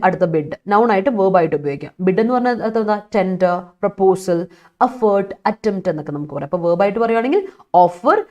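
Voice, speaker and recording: Her voice mid-range and darkish in tone, a woman from Kerala teaches English vocabulary in a live online class. She mixes English words into what she explains, reads student chat out loud, and laughs frequently as she answers the students.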